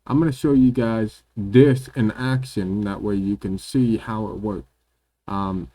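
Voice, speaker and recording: A man hosting a gaming video, giving relaxed, casual commentary while he plays at his computer at home, filling pauses with lots of ums and repeating words. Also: fairly low pitch. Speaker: gaming channel host.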